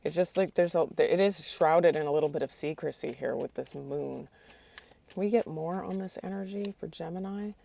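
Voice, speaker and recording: A deep, mellow, creaky-voiced woman does a tarot reading at normal speed while her voice is giving out. Her delivery is hesitant, full of restarts, and she asks the cards questions out loud.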